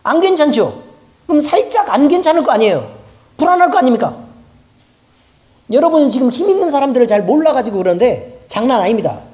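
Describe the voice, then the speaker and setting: A woman's voice: high-pitched, very animated, fast, pauses often, mellow. A woman pastor preaching a sermon in a colloquial way, often putting rhetorical questions to the congregation. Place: church.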